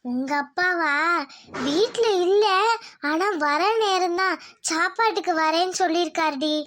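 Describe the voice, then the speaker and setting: Woman voicing a warm-hearted village mother in a cartoon, high voice. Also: a little slow. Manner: fussing, welcoming. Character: caring village mother, middle-aged woman.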